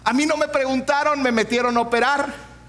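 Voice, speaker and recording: Man preacher, 40s, very high voice, humorous storyteller. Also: fairly even intonation, fairly quick, fairly bright tone. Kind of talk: sermon with personal story.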